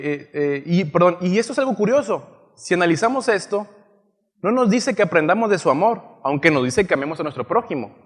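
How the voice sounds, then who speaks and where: A male preacher teaching a sermon, often pausing to ask his listeners "yes?" as he checks they follow. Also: high voice. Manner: teaching, asks frequent "¿sí?" checks. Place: church hall. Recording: long church hall reverb.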